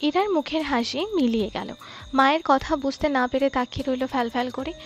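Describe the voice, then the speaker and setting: A woman narrating a romantic audio story in a soft, steady storytelling voice. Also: sits high, a little fast, soft background music. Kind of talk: scripted narration.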